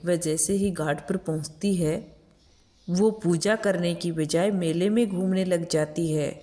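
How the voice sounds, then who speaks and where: A woman telling a devotional folk tale in a slow, deliberate way. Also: fairly low pitch, darkish tone. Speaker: storyteller.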